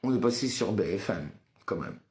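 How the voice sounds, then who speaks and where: A man's voice: fairly low pitch, animated, fairly quick, a little mellow, roomy sound. A man doing a live social media monologue who chants a repeated apology mantra, turns blunt and confrontational toward viewers, and hesitates with many fillers. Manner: hesitant with frequent "euh" fillers. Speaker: live streamer.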